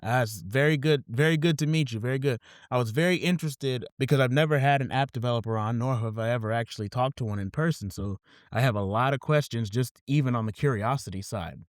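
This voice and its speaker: A man's voice: medium pitch, fast talker, no echo, clean studio sound. A man hosting a podcast, reading a scripted opening and then chatting casually, often repeating "absolutely". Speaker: podcast host.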